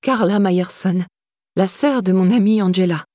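A woman's voice: medium pitch, a little slow, dark tone, no room sound, natural voice. A woman reading an audiobook and voicing a frail, kindly old lady in a lightly raised voice, in a dry, close recording. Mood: fretful. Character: old woman, frail and fretful but kind.

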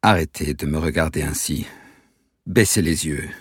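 A man's voice: very deep voice, normal speed, husky, no echo, studio quality. A man voicing a shaken, uneasy security chief who sounds unsettled and pleading. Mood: frightened. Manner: unsettled, pleading under threat.

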